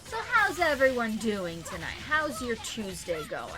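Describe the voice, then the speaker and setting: A woman's voice: on the high side, wildly swooping pitch, a little slow. A woman chatting casually on a gaming livestream, venting in a weary, burned-out way and swearing freely. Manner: frequent swearing. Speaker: game streamer.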